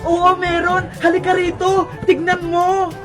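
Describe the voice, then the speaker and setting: A woman's voice: extremely high pitch, monotone, measured pace, over music. A woman voicing an earnest, polite little girl who runs a tiny shop, in a comic skit. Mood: eager. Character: hardworking sweet little girl shopkeeper.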